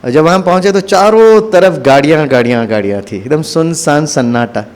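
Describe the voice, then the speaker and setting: Animated male spiritual storyteller. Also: a little high, fairly quick. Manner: animated, acts out dialogue. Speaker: spiritual speaker. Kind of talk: storytelling talk to an audience.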